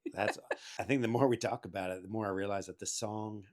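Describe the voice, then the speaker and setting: A man hosts a casual podcast interview. He speaks in a somewhat low voice and rambles a little as he talks. He keeps affirming and encouraging his guest. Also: steady tone, brisk, darkish tone. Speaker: podcast host.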